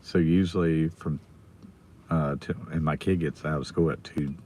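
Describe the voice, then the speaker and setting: A low-voiced American man chats casually to his livestream. His voice is hoarse and almost gone, so he stays subdued and avoids getting loud. He is recorded in a car with some background noise. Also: steady tone, normal speed. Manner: subdued, holding the volume down. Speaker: livestream host. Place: inside a car in a school pickup line.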